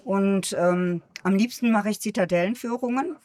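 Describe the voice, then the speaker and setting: Woman guest in casual conversation, medium pitch. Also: moderate pace, a little mellow. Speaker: guest, costumed tour guide and former English teacher. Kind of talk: casual chat.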